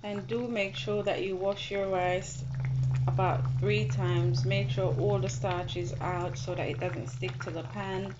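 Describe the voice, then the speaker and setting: She speaks at a measured pace with a flat delivery and mid-range voice while hosting a homey cooking tutorial over her gas stove. Chatty and repetitive about her steps, she refers to viewers as "guys." Background noise comes through the dull, lo-fi phone recording.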